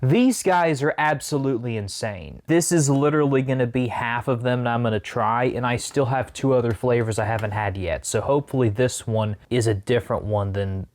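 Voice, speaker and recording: A man hosts a food challenge, talking casually to the camera as he eats sour candy. His voice sits at an ordinary male pitch, with an informal, conversational delivery. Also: fairly quick, hardly any pauses, a little mellow.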